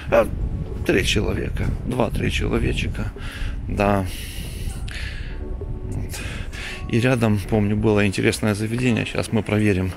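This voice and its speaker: A middle-aged man giving a chatty, unhurried walking tour of city streets at night, coughing now and then, filmed on a handheld camera. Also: on the low side, vocal fry. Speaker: vlogger. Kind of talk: casual walking tour commentary.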